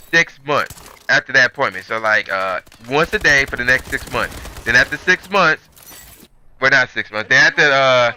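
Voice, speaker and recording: Storytelling as a channel host, a man meanders through a slangy, conversational tale. His medium-pitched voice sounds pushed and bright, and the tone is clean.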